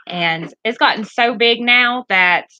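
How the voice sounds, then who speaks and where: A tarot reader and streamer talks casually to her live-stream audience from her bedroom at home, with pets nearby. Her voice is fairly high, bright and forceful, and she takes it slowly, sounding a little nervous and rambling as she often loses her train of thought. The recording is dry and the audio quality is poor.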